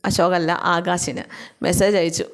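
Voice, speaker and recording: A woman casually recapping a TV serial episode, with drawn-out fillers and quick bits of acted-out dialogue. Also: fairly low pitch, steady tone. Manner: chatty retelling, frequent drawn-out fillers, acts out quoted lines. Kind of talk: casual spoken story recap.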